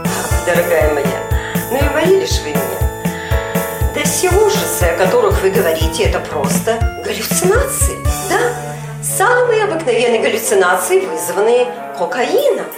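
A woman voicing a smug grown man who coaxes and patronizes, lowering her voice for him. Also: sing-song, measured pace. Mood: amused. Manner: patronizing, coaxing. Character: smug adult man playing doctor. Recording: echoey room with music behind.

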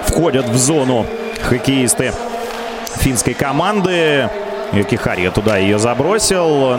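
A man giving live radio play-by-play of hockey in a measured, descriptive, detailed way. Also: mid-range voice, heavy background noise.

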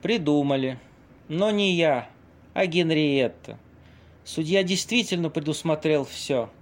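Voicing a worldly Venetian seducer with theatrical flair, a man performs in an amateur audio play, animated and slightly high-pitched for a male. Weighty pauses mark his dramatic delivery, which has the air of a seasoned storyteller.

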